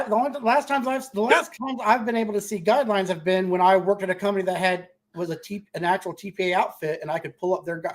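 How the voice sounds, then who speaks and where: A man speaking as a contractor on a casual panel discussion, blunt and rambling with many restarts. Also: sits high.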